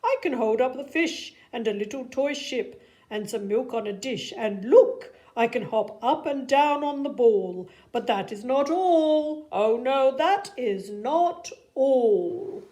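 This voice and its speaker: A woman voicing a playful, boastful male trickster cat in a children's storybook, with showy emphasis and drawn-out words. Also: fairly high pitch, animated, warm tone. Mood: boastful, excited. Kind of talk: animated children's storybook reading.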